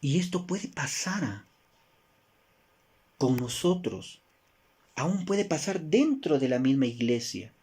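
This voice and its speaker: A man from Peru with a Peruvian Spanish accent preaching a sermon, asking rhetorical questions and moving between emphatic rises and soft drops. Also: fairly high pitch, big pitch swings, takes it slowly, pauses often, husky.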